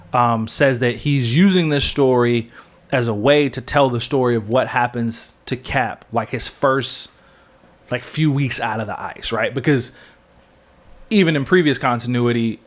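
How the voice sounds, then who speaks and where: A man on a podcast casually retelling a comic-book story, rambling with lots of fillers and correcting himself as he goes. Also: medium pitch. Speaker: podcast co-host.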